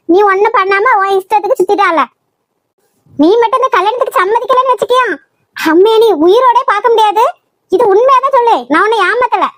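A woman voicing a strict mother who insists loudly, with a Kanyakumari Tamil accent. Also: extremely high pitch, no room sound, clean studio sound. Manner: loud, scolding, insistent. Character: strict nagging middle-aged mother.

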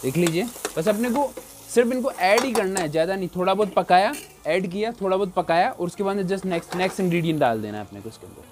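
With background noise behind him, this chef talks fast in a high voice. He's casually demonstrating a recipe on a cooking show, chatting, repeating himself, and saying "look here" a lot as he shows each step.

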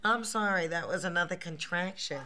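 An actress playing a wisecracking, sarcastic pregnant nanny with a New York accent in a sitcom. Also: female voice, lowish voice, fairly quick, over a noisy crowd, lightly acted. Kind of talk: broad sitcom acting. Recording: very noisy sitcom soundtrack.

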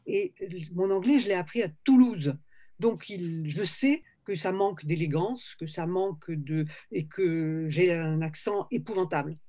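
An older woman publisher from France, telling an anecdote in an interview, animated, with many restarts. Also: on the low side, unhurried. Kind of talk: storytelling interview.

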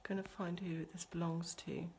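A woman working as a psychic medium, giving a chatty, excitable spirit reading on a live stream and calling her viewers sweetie. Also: fairly low pitch, moderate pace, slight background noise.

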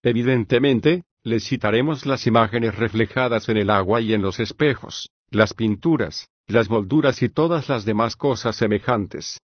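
Male reader as an earnest young student, audiobook, middle pitch, plain delivery. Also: moderate pace, hardly any pauses, dry recording, highs cut off, close to an everyday voice.

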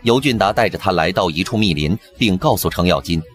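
A man narrating a TV drama recap in brisk scripted storytelling. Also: sits low, expressive. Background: background music.

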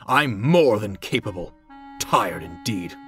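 A man's voice: lowish voice, expressive, unhurried, faint music behind. A man voicing a proud, pompous male steam engine who talks in a haughty, posh, snappish way. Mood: indignant.

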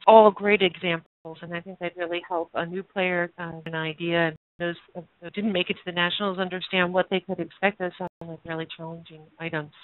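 A woman moderating a webinar, speaking haltingly with stammers and fillers. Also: on the low side, steady tone, dry recording. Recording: phone-line audio.

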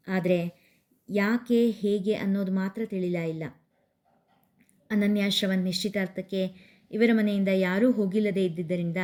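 Steady woman storyteller. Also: mid-range voice. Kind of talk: scripted story narration.

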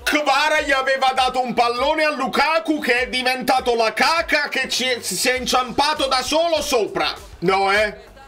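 A young man reacting live to a football match, cheering players and shouting at missed chances. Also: very high voice, moderate pace. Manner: excitable, swings from muttering to shouting at plays.

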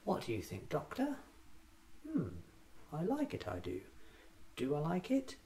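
A man in his thirties playing a quirky, curious time-travelling alien doctor who muses softly to himself in hesitant short phrases, in an ASMR roleplay. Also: fairly high pitch, huge pitch swings, a little hiss or hum. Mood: musing, pleased. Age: 30s. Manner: slow, deliberate, hesitant self-musing in short phrases. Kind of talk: ASMR roleplay, soft-spoken musing to himself.

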